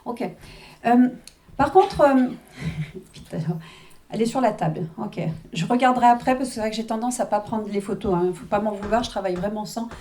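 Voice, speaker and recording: This medium's voice is on the high side, brisk, and mellow as she chats through a live reading. She checks in with the audience nonstop using "hein" and "d'accord," and she laughs a lot.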